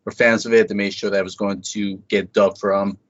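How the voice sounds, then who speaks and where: A podcast host with a lowish voice and little pitch movement chats casually with a guest at a slightly fast clip, eager and enthusiastic like a fan. The recording is dry, with a dull lo-fi sound.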